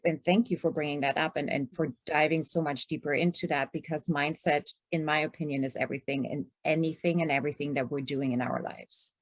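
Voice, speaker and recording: Thoughtful low-voiced woman podcast host. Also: dry recording. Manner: thoughtful, lays points out in order. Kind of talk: casual podcast conversation.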